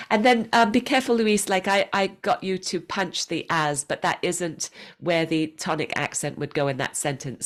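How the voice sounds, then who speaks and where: A woman with a fairly low voice coaches English pronunciation over a video call. She is patient and encouraging, saying each phrase slowly for her student to repeat. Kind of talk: one-on-one online pronunciation lesson.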